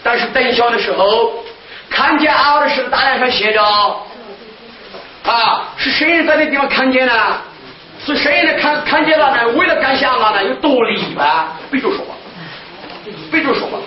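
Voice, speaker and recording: A man's voice: extremely high pitch, normal speed. A man teaching as an imam, asking the listeners rhetorical questions and chanting Arabic prayer phrases. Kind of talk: religious teaching talk. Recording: roomy, distant, dull lo-fi recording.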